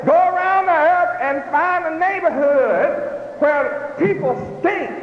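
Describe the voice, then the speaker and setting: High-voiced man preaching in an echoey hall. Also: takes it slowly. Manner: emphatic, rhetorical questions, bursts of shouting. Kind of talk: fiery sermon. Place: hall with a live audience. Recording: echoey hall, dull lo-fi, noisy.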